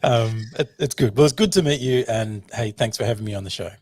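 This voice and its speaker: A man's voice: medium pitch, brisk, no room sound. A man with an Australian accent, a business founder chatting as a podcast guest in a joking, easygoing way with plenty of ums. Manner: jokey, relaxed, many fillers and restarts. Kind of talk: casual interview chat.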